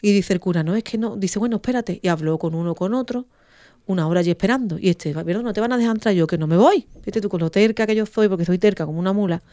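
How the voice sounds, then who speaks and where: A woman's voice: mid-range voice, fast talker, dry recording, clean studio sound. A woman, a radio guest telling an emotional story and acting out the quoted voices. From Andalusia, Spain. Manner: animated, acts out quoted dialogue.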